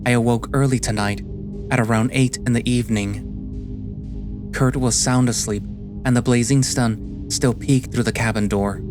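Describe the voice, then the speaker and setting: A man playing a weary, guilt-ridden animal sailor, narrating a first-person story in a quiet, subdued, slow and deliberate way. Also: mid-range voice, steady tone, music in the background, close to an everyday voice. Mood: brooding, weary.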